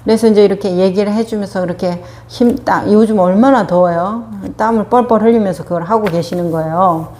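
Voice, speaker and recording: A woman meditation teacher speaks in a casual, conversational dharma talk, her voice sitting in an ordinary middle register. She tells everyday stories at an easy pace, often pausing on small hesitations as she gathers her thoughts. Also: medium pitch, a little mellow. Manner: conversational storytelling with frequent hesitations.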